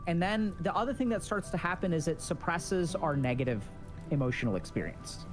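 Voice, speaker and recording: A man's voice: on the high side, expressive, fairly quick. A man giving an informal explanatory talk in the manner of a clinician. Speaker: mental health clinician. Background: music.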